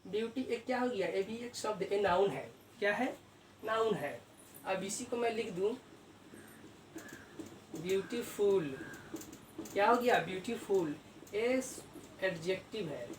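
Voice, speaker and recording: Echoey, distant male teacher at a board. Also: sits high. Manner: asks rhetorical questions and answers them himself; repeats key terms slowly. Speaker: English grammar teacher. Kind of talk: explaining a lesson at a board. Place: room with a writing board. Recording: echoey room, mic far off, faint hiss.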